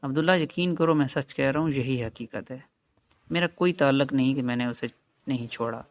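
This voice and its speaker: A jealous young man, bitter at being jilted, who pleads and resents in turn, as a storyteller voices him. His voice has an ordinary pitch and sounds dry and close. The delivery belongs to a spoken story. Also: dry recording, close to an everyday voice.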